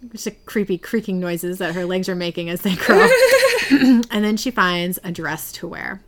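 A woman's voice: on the low side, normal speed, a little hiss or hum. A woman hosting a podcast, casually recapping a TV episode in a chatty, giggly storytelling way.

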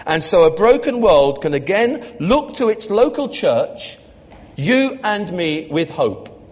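A man's voice: high-pitched, sing-song, takes it slowly, a little mellow. A man preaching a sermon as the new church officer, earnest and emphatic, leading the congregation in repeating lines. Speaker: pastor. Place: church hall. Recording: muffled echoey church hall.

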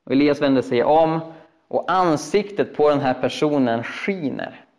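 Slightly high-voiced man preaching a sermon. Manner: animated, expressive storytelling with voiced quotes. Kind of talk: sermon storytelling.

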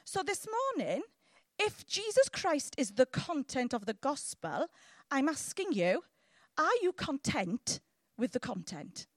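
A woman with a south Wales accent preaches in a high, swooping voice with very little room echo. She is informal and animated, teasing the congregation and often throwing short questions at them to keep them engaged. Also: a little slow, studio quality. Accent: south Wales Welsh. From Llanelli, south Wales. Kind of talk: lively informal sermon to a congregation.

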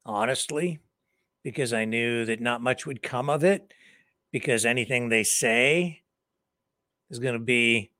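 A man's voice: medium pitch, sharp tone, dry recording, clean studio sound. A man hosting an online news show, talking casually and sardonically to his viewers. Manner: chatty, sardonic, asides to viewers. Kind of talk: casual opinion commentary.

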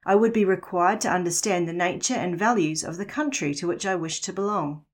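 A middle-aged woman with a New Zealand accent reads a scripted devotional for her podcast. Her voice sits on the low side, and her delivery is measured and earnest, slowing to let important lines land.

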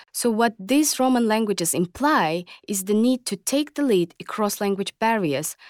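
A woman who speaks Kazakh as her first language narrates a scripted podcast in the role of a language researcher. Her read is measured and explanatory, sprinkled with rhetorical questions, at a medium pitch. The recording is dry and studio quality.

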